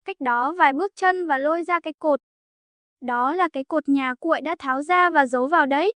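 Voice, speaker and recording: High-voiced woman reading a folk tale. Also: brisk, fairly bright tone, no echo. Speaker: storyteller.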